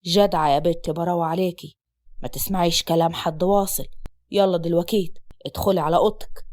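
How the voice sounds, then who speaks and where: A woman voicing a stern, threatening Egyptian father with an Egyptian accent, who drops low and slows down on his warnings. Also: fairly even intonation, a little mellow, dry recording, natural voice. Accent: Egyptian Arabic. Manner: threatening, slow and heavy on warnings.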